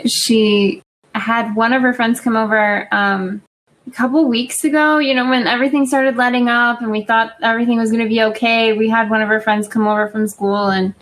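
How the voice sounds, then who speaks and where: A woman's voice: on the high side, fairly even intonation, normal speed, fairly bright tone. A woman in her thirties, co-hosting a podcast, chatting casually over a remote call and often restarting her sentences. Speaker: podcast co-host. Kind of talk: casual chat.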